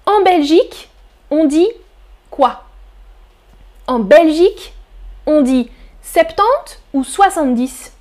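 A woman teaching pronunciation in a live-stream lesson, saying words slowly and clearly, repeating drills and greeting viewers in the chat. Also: high voice, expressive, a little mellow. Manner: slow, deliberate pronunciation drills with repeated examples. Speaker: French teacher.

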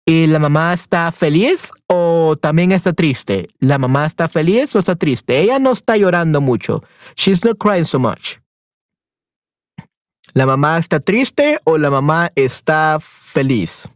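A man teaching a language lesson, encouraging a student and slowly repeating questions with English glosses. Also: fairly high pitch, animated, dry recording, clean studio sound. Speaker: Spanish teacher.

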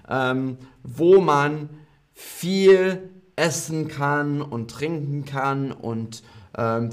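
Slow, patient male German teacher. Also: a little high. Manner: repeats phrases slowly and clearly, reads out viewer comments. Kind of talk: slow live German lesson for learners.

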